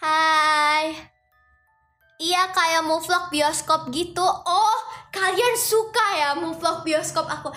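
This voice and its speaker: A woman's voice: extremely high pitch, steady tone, slow pace, pushed and bright, reverberant, soft background music. A young woman hosting a casual livestream, chatting with viewers and greeting them in a sing-song way. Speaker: livestream host.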